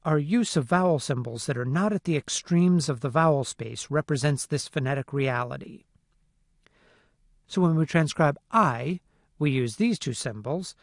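A man narrating a phonetics lesson in a clear, methodical way. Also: a little high, lively intonation, moderate pace, no room sound, clean studio sound. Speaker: phonetics instructor. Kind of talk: scripted lecture narration.

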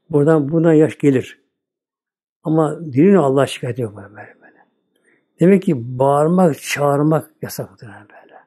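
A man's voice: a little high, warm tone. An older man giving a plain, conversational religious sermon, repeating his words often. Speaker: Islamic preacher.

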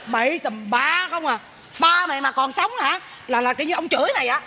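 A woman playing a mother in a stage comedy, talking fast and loud with animated, complaining energy. Her voice is high and bright. There is faint noise from the stage around her. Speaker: comic actress playing a mother.

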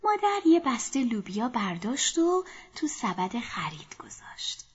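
A woman narrating a children's story in a soft, often half-whispered voice, speaking to children, in a dull lo-fi recording. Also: fairly high pitch, very animated, husky.

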